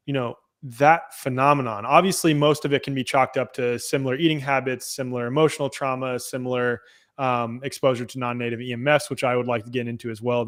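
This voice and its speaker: A man hosting an interview podcast, sounding stuffed up, asking his questions hesitantly with fillers and repeated words. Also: medium pitch. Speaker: podcast host.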